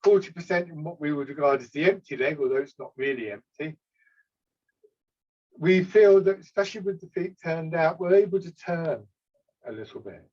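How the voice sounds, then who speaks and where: A man gives calm, unhurried step-by-step tai chi cues as an instructor, sometimes hesitating and correcting himself. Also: a little high. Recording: slightly dull, lo-fi sound.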